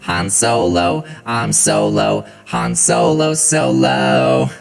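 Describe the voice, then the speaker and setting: A man singing through a voice changer that drops his voice into a deep gravelly smuggler. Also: wildly swooping pitch, takes it slowly, big-room sound, soft background music, heavily acted. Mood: sing-song. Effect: voice changer pitching the voice down.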